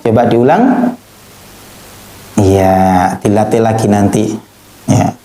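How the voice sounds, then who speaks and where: A male Quran reading teacher, drilling children through syllables with sharp, high, pressed demonstrations and low coaching asides. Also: slow. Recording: echoey room.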